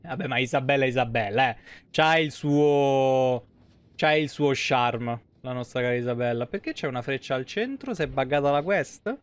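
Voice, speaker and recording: A man in his thirties streams games, offering casual live commentary into a close mic in an informal way, full of crude slang. His mid-range voice moves at normal speed and sounds smooth, and the recording is dry.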